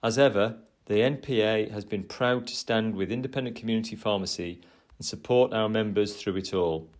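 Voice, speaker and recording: A man with a fairly low voice gives a prepared address. He sounds measured and earnest, like the chair of a professional body. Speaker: trade association chair. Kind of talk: prepared formal speech.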